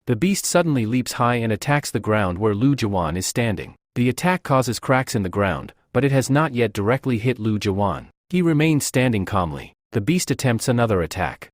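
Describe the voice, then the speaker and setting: A man narrating a comic recap in an even, storytelling delivery. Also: medium pitch, no echo, clean studio sound.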